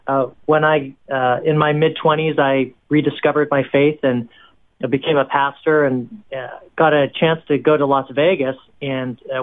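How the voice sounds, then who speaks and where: A man from Canada, a worship pastor and songwriter, telling his story casually as an interview guest. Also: on the high side. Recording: phone-line sound.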